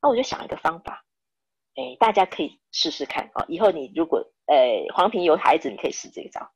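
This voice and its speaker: A woman's voice: lowish voice, animated, fast talker, slightly rough. A middle-aged woman from Taiwan, a podcast guest telling family stories who acts out the dialogue and drops English words into her speech. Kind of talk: storytelling in a podcast interview. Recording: dull lo-fi recording.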